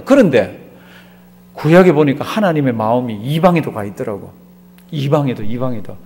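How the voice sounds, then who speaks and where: Korean pastor telling Bible stories animatedly. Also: male voice, on the high side. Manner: lively storytelling, acts out quotes, questions the audience; drops to a quiet murmur at phrase ends. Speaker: pastor teaching a Bible class. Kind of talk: sermon-style Bible lecture.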